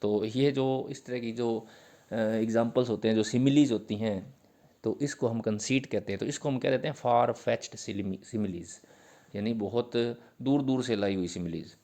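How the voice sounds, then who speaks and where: Man explaining in a mellow voice. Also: mid-range voice, moderate pace. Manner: uses fillers, repeats points patiently. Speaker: teacher. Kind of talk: exam-prep literature lecture.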